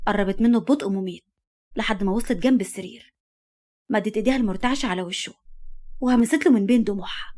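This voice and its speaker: A woman's voice: medium pitch, fast talker, pauses often, darkish tone. A woman with an Egyptian Arabic accent doing dramatic scripted narration of a romance story.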